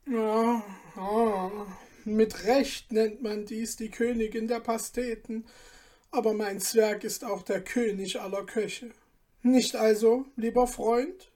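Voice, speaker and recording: A woman's voice: on the high side, steady tone, slow pace, warm tone, pitched above the performer's own voice. A woman voicing a wrathful, pompous duke in a storybook reading, bellowing and threatening. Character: wrathful, pompous old duke, ruler of a court.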